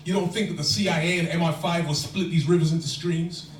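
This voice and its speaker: Reciting spoken word poetry fairly quickly, a man from London holds a steady, rhyming rhythm in a slightly high voice. The recording is distant and echoey, made from far back in a lecture hall over a faint hum.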